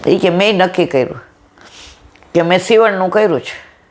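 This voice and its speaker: A woman's voice: lowish voice, expressive, moderate pace, slight background noise. A woman giving a devotional satsang talk, retelling a conversation and fondly calling listeners "my dear". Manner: affectionate, storytelling, addresses listeners as "my dear". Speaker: satsang speaker.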